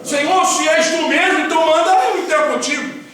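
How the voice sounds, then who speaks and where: A man's voice: very high-pitched, brisk, pushed and bright, slight background noise, voice pushed up. A man voicing a doubting fisherman apostle in a retold story, eager and pleading. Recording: very echoey hall, voice far off.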